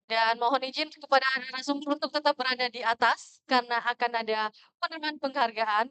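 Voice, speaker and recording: Woman emcee at a ballroom event, polite formal announcements on a mic, super clear voice. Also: a little high, a bit bright.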